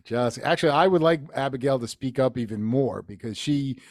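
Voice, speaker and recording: A man's voice: mid-range voice, fairly quick, a little mellow, dry recording, clean studio sound. A man co-hosting a casual podcast, joking about himself and rambling a little as he talks. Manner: self-deprecating, jokey, rambling. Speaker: podcast co-host.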